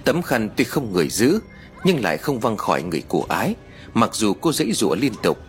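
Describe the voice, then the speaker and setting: A man's voice: fairly low pitch, very animated, fairly quick, faint music behind. A man narrating a horror story in a dramatic storytelling manner.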